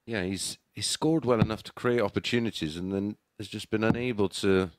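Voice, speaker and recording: A man's voice: lowish voice, a little fast, no room sound. A man giving analytical live darts commentary as co-commentator.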